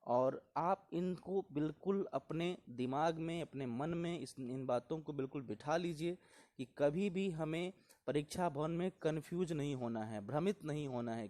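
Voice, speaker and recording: A man's voice: on the high side, warm tone. A male teacher going through correct Hindi spellings word by word for exam students, repeating each word and telling them to take care. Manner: repeats words slowly and reminds students to pay attention. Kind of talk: exam-prep spelling lesson.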